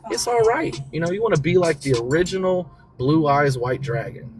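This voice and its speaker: Driving on his commute, a Southern American talk show host from Mississippi and Florida runs a casual motivational livestream. His voice is a little high, expressive and darkish at a normal speed, and he talks in slangy, encouraging terms, repeating key phrases for emphasis.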